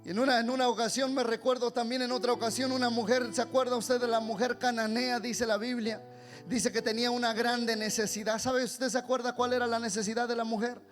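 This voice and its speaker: A male pastor preaching fervently, swinging from hushed asides to loud shouts and often repeating words as he builds. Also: extremely high pitch, little pitch movement, a little fast, faint music behind. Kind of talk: sermon.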